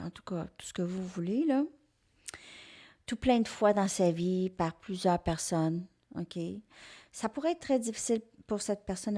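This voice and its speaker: Slow Québécois woman reading tarot. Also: medium pitch, dark tone. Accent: Québécois French. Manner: slow, hesitant, many fillers and restarts. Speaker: tarot reader. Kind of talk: tarot card reading for viewers.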